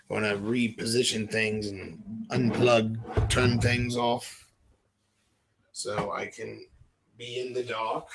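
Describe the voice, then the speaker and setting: Gravelly low man, put-on British-sounding accent. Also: a bit bright, a little hiss or hum. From Ohio, USA. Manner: rambling, self-deprecating, jokey. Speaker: livestream host. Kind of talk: casual rambling livestream. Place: dim room at home.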